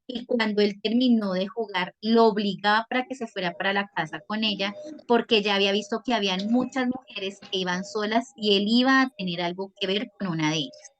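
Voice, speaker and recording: A woman's voice: mid-range voice, brisk. A woman psychologist giving an online workshop, explaining patiently and asking her audience questions. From Colombia.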